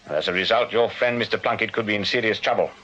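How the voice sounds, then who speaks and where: A dogged Victorian police sergeant with an English accent. His voice is fairly low and sharp-edged, polite to his betters yet shrewd and probing. It is radio drama acting, heard through a slightly dull recording with faint noise. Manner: deferential, measured questioning.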